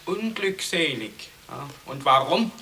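An actor playing an earnest, proud professor in an absurd comic drama, polite, hesitant and pedantic. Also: male voice, a little high, lively intonation, a little slow, creaky, pushed and bright, a little hiss or hum, exaggerated voice.

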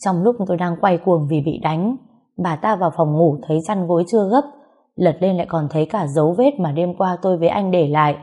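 A woman with a low, mellow voice telling a first-person story. She narrates in a steady, even way, warm in tone and never sharp. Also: fairly quick, slightly rough.

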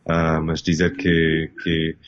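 Man, 50s, from Canada, very deep voice, hesitant, many restarts, slightly muffled recording. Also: completely flat delivery, slow, slight background noise. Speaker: guest costume designer. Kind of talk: casual interview talk.

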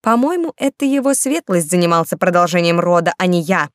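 A woman's voice: on the low side, lively intonation, fairly quick, dry recording, close to an everyday voice. A woman voicing a young male duke with a dry, unflappable wit in an audiobook. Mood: deadpan.

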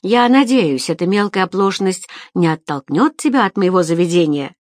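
A woman voicing a grovelling yet brutal male baker who hawks his bread loudly and sweetly. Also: lowish voice, lively intonation, normal speed, no echo, studio quality. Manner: loud, sugary hawker's patter. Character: fawning, bullying adult male baker.

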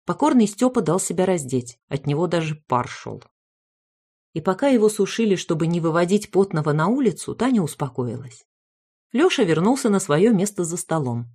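A woman reading aloud a humorous family story in the first person, with wry, lively storytelling. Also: on the low side, normal speed, slightly rough. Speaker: audiobook reader.

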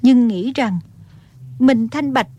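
A woman's voice: a little high, slow pace, warm tone, dry recording. Woman narrating a martial-arts audiobook.

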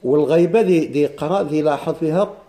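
A man's voice: a little high, mellow. Man with a Moroccan accent teaching Quranic readings. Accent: Moroccan Arabic. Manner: explains step by step, chants verses slowly, asks students questions. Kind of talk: classroom lesson on Quranic readings.

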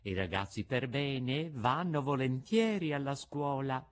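A man voicing a gentle, patient motherly fairy woman in a storybook reading, soft, measured and admonishing. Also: mid-range voice, expressive, natural voice.

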